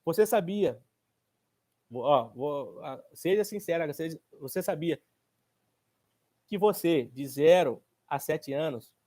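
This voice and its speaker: A man's voice: fairly high pitch, animated, slow pace, pauses often, dark tone. A man, a therapist giving a workshop talk to an audience. He speaks emphatically and colloquially, firing rhetorical questions, answering them himself and repeating his points for stress.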